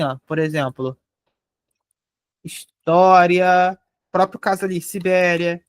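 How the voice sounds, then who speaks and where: A young Brazilian woman teaching a live online grammar lesson, explaining step by step and spelling out syllables slowly. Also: mid-range voice, dry recording, clean studio sound. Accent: Brazilian Portuguese.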